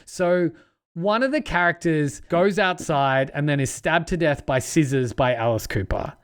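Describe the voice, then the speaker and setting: A man's voice: a little high, normal speed, clear, resonant tone. A man hosting a casual podcast, animatedly retelling a film's plot and acting out its lines. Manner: animated, retelling a film plot with acted-out quotes. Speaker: podcast host.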